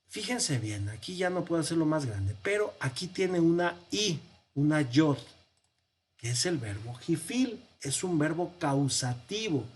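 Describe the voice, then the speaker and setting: A man's voice: on the high side, slight background noise. A priest giving a Bible class, explaining a text step by step and answering his own rhetorical questions. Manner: walks through a text on screen, counting and pointing.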